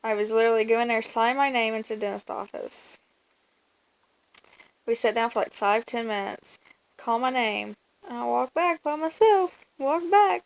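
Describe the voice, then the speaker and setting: An American woman telling a personal story in a casual, folksy vlog style, chatty and animated as she quotes herself and leans on words for emphasis. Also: fairly high pitch, moderate pace, vocal fry, rough recording. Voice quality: colloquial, folksy speech. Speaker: vlogger.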